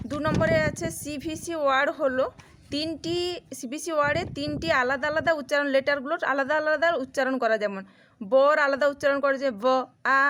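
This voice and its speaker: A woman with a high, light voice gives a phonics lesson for children. She explains patiently and sounds out letters one at a time before blending them. Faint noise hums under the recording. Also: fairly bright tone. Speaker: teacher.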